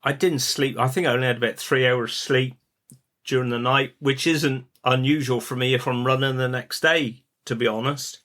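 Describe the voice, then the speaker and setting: A man's voice: mid-range voice, steady tone, normal speed, a bit bright. A Cornish man hosting his podcast, telling a rambling casual story in dialect while feeling under the weather. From Cornwall. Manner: chatty, rambling, with dialect words. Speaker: podcast host, funeral director.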